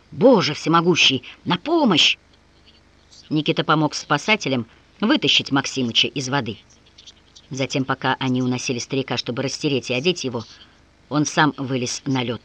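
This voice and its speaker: A woman reads a novel aloud in audiobook style, with lively, strongly varied intonation. The recording is dry and close, with no room sound. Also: extremely low pitch, no room sound. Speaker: audiobook reader. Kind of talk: audiobook narration.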